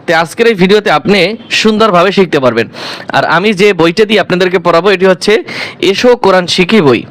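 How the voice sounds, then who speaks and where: A man with a fairly high voice teaching a step-by-step Quran recitation lesson. He patiently drills each letter sound, saying it over and over, and asks his students questions that he answers himself. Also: a little fast, fairly bright tone, dry recording. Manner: patient, repeats each letter aloud several times.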